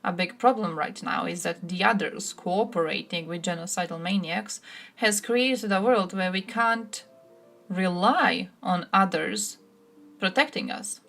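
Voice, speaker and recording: A woman from Croatia talks straight to her live-stream chat in a gravelly, fry-edged voice at an ordinary pitch. She is blunt and sarcastic and swears freely. Faint music sits under her voice. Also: a little slow, a bit bright. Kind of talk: live-stream political commentary, answering chat.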